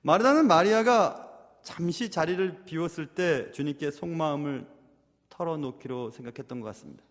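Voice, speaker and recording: A male pastor preaches earnestly and keeps turning to his listeners with rhetorical questions. His voice is high, and a long reverb trails after it through a church sanctuary. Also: normal speed. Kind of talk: sermon. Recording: echoey hall reverb.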